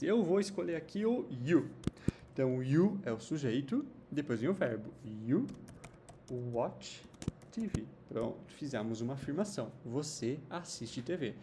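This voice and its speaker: A man teaching English grammar, slowing down for example sentences and checking in with "tá?" and "né?". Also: fairly high pitch, a little hiss or hum. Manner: lively, slow drawn-out example sentences, frequent "tá?" and "né?" checks. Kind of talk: Portuguese-language English grammar lesson.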